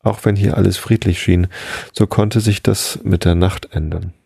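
A man narrating a storybook in a calm, measured way. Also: low voice, gravelly, breathy edge, no echo, studio quality.

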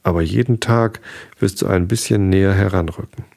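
A man voicing a wise, patient male fox in a storybook reading, calm and earnest. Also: sits low, normal speed, creaky.

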